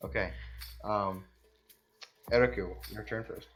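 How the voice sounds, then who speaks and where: A man's voice: lowish voice, fairly even intonation, a little slow, a bit bright. A man running a casual tabletop roleplaying game as game master, thinking his rulings through as he talks.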